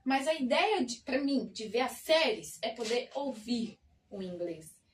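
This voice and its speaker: High-voiced woman giving playful tips. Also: measured pace. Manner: lively, playful, asks herself questions and answers them. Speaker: language-learning vlogger. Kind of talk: casual tips talk to camera. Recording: voice a bit far from the mic, faint noise.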